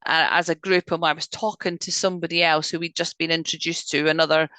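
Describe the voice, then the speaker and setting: A woman teaching an online Spanish lesson over a video call. She drills words slowly and keeps checking that her students are following. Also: sits low, level tone, sharp tone, no room sound.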